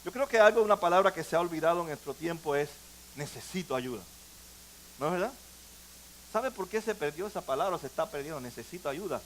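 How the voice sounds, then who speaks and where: An older man, a pastor, preaching a sermon in a church, moving between quiet asides and sudden emphatic rises. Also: high voice, fast, slight background noise.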